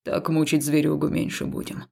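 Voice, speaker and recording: A detached young male necromancer, voiced by a woman reading a fantasy audiobook, speaking low, quiet and unhurried. The voice is pitched well down and has a gravelly, creaky edge. He sounds cool and indifferent. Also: completely flat delivery, full character voice. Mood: aloof, calm. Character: calm aloof male necromancer, young man. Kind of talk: audiobook character voice.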